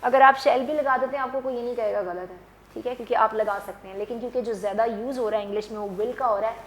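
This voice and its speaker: Woman teaching English in an echoey room. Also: a little high. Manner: explains patiently, mixes Hindi and English, repeats example sentences slowly. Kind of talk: televised English grammar lesson.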